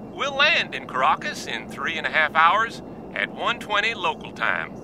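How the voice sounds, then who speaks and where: A man voicing an airline captain who makes a formal, measured announcement over the plane intercom for a listening exercise. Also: a little high, background noise. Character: adult male airline captain, calm and formal. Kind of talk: scripted listening exercise dialogue.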